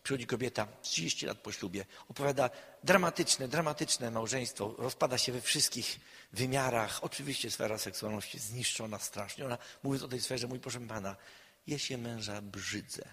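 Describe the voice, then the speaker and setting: A man, a counselor, giving a public lecture in an emphatic way, swinging between loud and quiet. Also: medium pitch, brisk, husky. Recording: long hall reverb.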